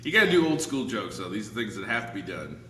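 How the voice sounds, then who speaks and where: A man co-hosting a comedy show, telling old-school jokes in a relaxed, low-key way. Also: fast. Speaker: comedy podcast co-host. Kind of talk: casual banter, joke-telling. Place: comedy club. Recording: echoey room from far off, hiss.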